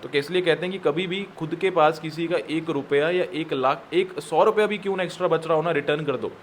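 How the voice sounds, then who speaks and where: Speaking a little fast in a voice on the high side, a network marketing coach delivers an emphatic motivational business talk over a faint hiss or hum. He addresses viewers as guys, drives his key lines home through repetition, and sprinkles in English words.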